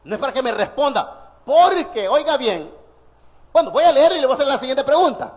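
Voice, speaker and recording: A male pastor preaching a sermon, lively and laughing between points, quizzing the congregation with questions. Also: very high voice, a little fast.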